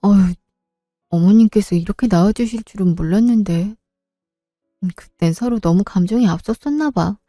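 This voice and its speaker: A woman voicing a remorseful young wife who speaks softly and sighs. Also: mid-range voice, normal speed, no room sound, studio quality, faint music behind, lightly acted.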